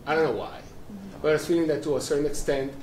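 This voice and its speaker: A man with a slightly high, somewhat mellow voice talks at a quick pace as he moderates a live panel in a museum event room, introducing the guests in a chatty, rambling manner with frequent restarts. Captured on a live stream, the audio sounds roomy and distant, with faint background noise.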